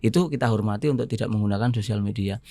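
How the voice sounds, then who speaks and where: A man with an Indonesian accent, a podcast guest talking in a measured way and often pausing with fillers as he searches for words. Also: lowish voice, creaky, warm tone, no room sound. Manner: measured, fills pauses with "apa namanya". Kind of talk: casual interview talk.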